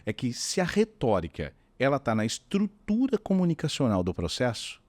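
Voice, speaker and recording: A man's voice: mid-range voice, huge pitch swings, normal speed, darkish tone, dry recording. A middle-aged Brazilian man, a communication strategist, explaining animatedly and often acting out voices. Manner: demonstrative, often acts out voices.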